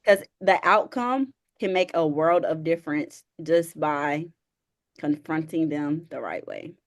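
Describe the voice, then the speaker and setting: Speaking in a low register, this woman counsels as a therapist, laying out her guidance one step at a time in a calm, measured conversational tone.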